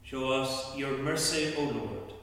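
Man reciting prayers in cathedral echo. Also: mid-range voice. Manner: steady measured recital. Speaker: service leader. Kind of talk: liturgical recitation. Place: large church. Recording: echoey church from far off.

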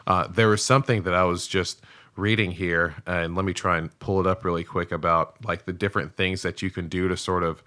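A man in his thirties co-hosts a podcast, chatting casually in a candid, rambling way, with frequent swearing and laughter. His voice is deep, bright and forceful, with a steady tone and a slightly fast pace.

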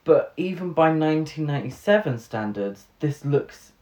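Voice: medium pitch, lively intonation, normal speed, warm tone. Casual, hesitant film podcast co-host with a mid-range voice in a roomy recording. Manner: chatty, hesitant, fillers and restarts. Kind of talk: casual film review chat. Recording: roomy sound.

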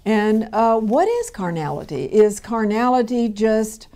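A woman's voice: fairly high pitch, big pitch swings, unhurried, warm tone. A woman, giving a conversational radio Bible teaching that rambles along with many fillers and restarts. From Kentucky, USA. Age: 70s.

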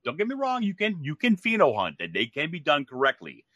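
A man's voice: on the high side, wildly swooping pitch, a little fast, bright, forceful tone, dry recording. A man, a podcast guest who grows mushrooms, talking bluntly with plenty of swearing. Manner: blunt, profane, ranting. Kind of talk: casual chat.

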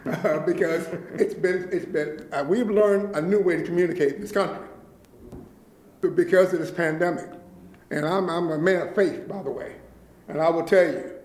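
In an echoey meeting room, a nonprofit leader addresses county officials with earnest gratitude, often checking in with his listeners. His voice is high-pitched and a little mellow.

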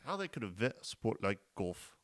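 A man's voice: lowish voice, very animated, normal speed, a bit bright. A man co-hosting a podcast, chatting casually and animatedly about sports, swearing freely and restarting sentences often. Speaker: podcast co-host.

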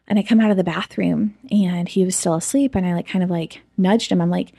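A woman's voice: on the low side, steady tone, a little fast, gravelly, mellow, slightly rough, no echo, studio quality. A woman guest in an interview, candidly and reflectively recounting a personal story, with frequent fillers.

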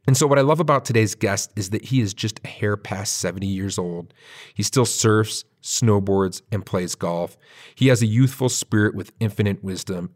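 A man hosting a podcast, narrating a scripted introduction and then interviewing a guest. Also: lowish voice. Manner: measured storytelling narration. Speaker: podcast host.

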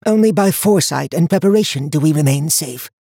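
A man's voice: fairly high pitch, animated, brisk, warm tone, no room sound, clean studio sound, pitched above the performer's own voice. A man voicing a stern, formal old woman who leads a tribe of seers. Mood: dismissive. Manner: cold, formal, commanding. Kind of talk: audiobook character voice.

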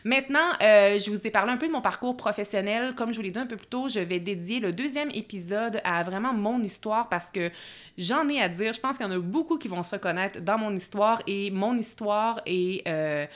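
A woman in her thirties with a Québécois accent, hosting her own solo podcast in a chatty, conversational way with frequent hesitations. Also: mid-range voice. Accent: Québécois French. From Quebec, Canada. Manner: chatty, warm-hearted, hesitant with frequent pauses. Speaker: podcast host.

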